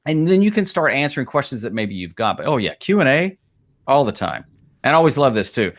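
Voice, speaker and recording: Male co-host, casual rambling chat, ordinary middle pitch. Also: sing-song, a little fast. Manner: rambling, many restarts and fillers. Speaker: live streaming co-host.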